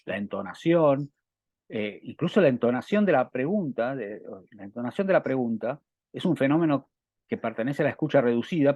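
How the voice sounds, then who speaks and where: A man with a Rioplatense Spanish accent giving a university lecture, halting with many restarts and fillers. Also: medium pitch, no room sound.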